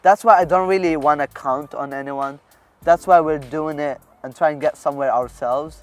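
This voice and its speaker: A man's voice: fairly high pitch, fairly even intonation, moderate pace, soft background music. A young man in his late teens from Lebanon, a dance group member talking earnestly and informally in an interview. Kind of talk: documentary interview.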